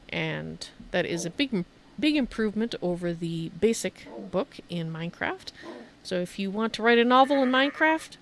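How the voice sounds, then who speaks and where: In a lowish, creaky voice with a little hiss or hum in the recording, a streamer gives a chatty, casual tour of a game. She thinks aloud while showing things off, mixing gameplay commentary with show-and-tell.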